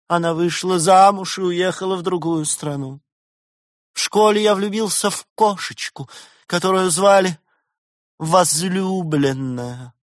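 A man's voice: sits high, no room sound, clean studio sound, voice pushed up. A man voicing a lovelorn tragic male fox actor, speaking melodramatically in a dead, mournful voice.

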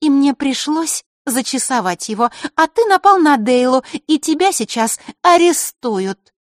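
A woman's voice: high voice, expressive, measured pace, dry recording, clean studio sound, pitched above the performer's own voice. A woman voicing a scheming teenage girl who taunts her rival in a sneering way. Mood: mocking.

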